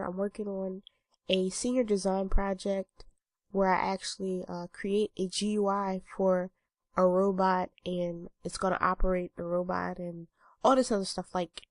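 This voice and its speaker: Her delivery is flat and unhurried, her mid-range voice a little mellow, and the recording dry. This young woman in her twenties, sounding congested, rambles casually to viewers in a talking-head vlog with many ums and uhs.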